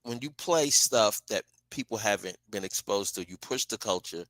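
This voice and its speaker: A man's voice: lowish voice, lively intonation, moderate pace, fairly bright tone. A middle-aged man in casual conversation, speaking emphatically and repeating his key phrases as an interview guest. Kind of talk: casual chat.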